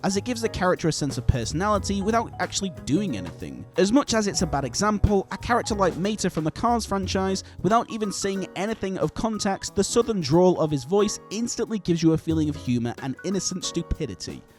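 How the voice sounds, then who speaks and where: A man's voice: high voice, expressive, quick pace, hardly any pauses, soft background music. A man reading a scripted video essay as its narrator.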